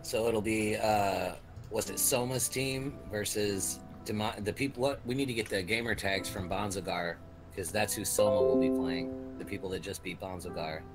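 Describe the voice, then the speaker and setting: A man's voice: lowish voice, normal speed, over music. A man co-commentating a gaming tournament stream in a laid-back, conversational way. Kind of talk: casual live-stream commentary.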